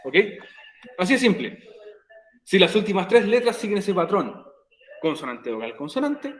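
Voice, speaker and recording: A man's voice: high-pitched, animated, moderate pace, echoey room, poor audio. A man teaching an English grammar rule in a virtual class, patiently repeating each step for his students. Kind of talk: virtual class explanation in Spanish. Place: room, recorded for an online class.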